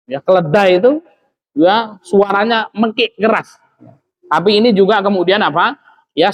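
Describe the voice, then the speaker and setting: A man's voice: sits high, low-quality recording. A man giving a religious study lecture as an Islamic teacher, talking in a conversational way with frequent tag fillers. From Lampung, Indonesia.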